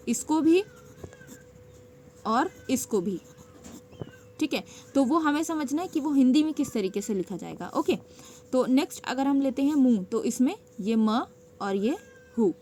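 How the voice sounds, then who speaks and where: A stenography teacher with a fairly high voice takes her students through a shorthand lesson step by step, patient and steady in tone. She stops often to make sure they're following, checking in with frequent "okay" and "theek hai." A faint hiss runs beneath the recording.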